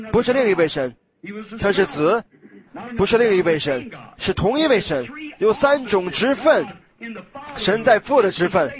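A man preaching a sermon in a conversational way, acting out little dialogues and sometimes restarting with drawn-out fillers. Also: sits high.

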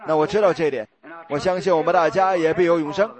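A man with a high voice preaches a sermon. He keeps asking his listeners questions and then answers them himself. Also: steady tone. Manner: sings hymn lines slowly.

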